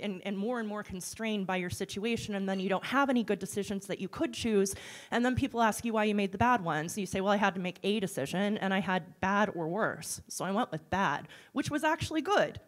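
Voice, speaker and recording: A woman's voice: mid-range voice, fairly quick. A middle-aged woman speaking blunt and wry into a handheld mic on stage in a large hall, answering audience questions after a keynote. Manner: blunt, wry, animated, gestures while talking. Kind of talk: keynote Q&A, candid and conversational. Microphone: handheld microphone.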